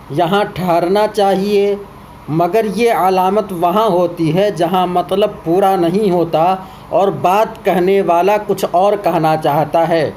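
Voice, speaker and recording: High-voiced man teaching a lesson. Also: darkish tone, a little hiss or hum. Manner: explains step by step with spoken examples. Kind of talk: explanatory lesson.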